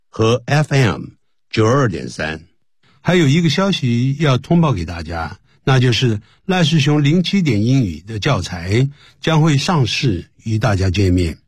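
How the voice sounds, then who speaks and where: Husky, animated male radio English teacher. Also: mid-range voice, no echo. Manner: explains patiently, repeats and slowly models English phrases. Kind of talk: radio language lesson. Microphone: studio microphone.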